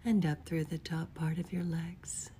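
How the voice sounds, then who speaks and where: Female meditation guide, soft spa-style whisper, mellow and flat in pitch, gentle and unhurried. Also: slight background noise. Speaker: guided relaxation leader.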